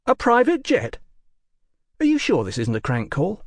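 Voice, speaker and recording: A flustered, sardonic young English writer, high-pitched and jumpy, swinging wildly in tone, as an audiobook narrator puts him on. The voice is close and dry. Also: male voice, moderate pace, no echo, heavily acted. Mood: incredulous. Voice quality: excitable, sardonic. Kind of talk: audiobook character voice.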